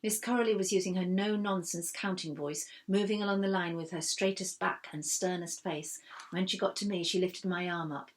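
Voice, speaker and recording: A woman reading a first-person children's story aloud in a steady, expressive way. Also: lowish voice, moderate pace. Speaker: reader.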